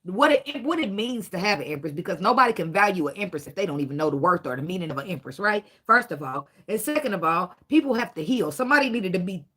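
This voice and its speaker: A woman giving a casual tarot reading, talking bluntly with lots of profanity, preachy and animated, and fighting back tears as she speaks. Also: lowish voice, fast talker, few pauses, noisy background. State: tearful, fighting back emotion. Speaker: tarot reader.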